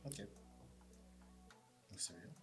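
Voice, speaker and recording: A man who works as a pastry chef, chatting as a guest on a podcast and often breaking into loud, laughing emphasis. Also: slow, faint music behind. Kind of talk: casual chat.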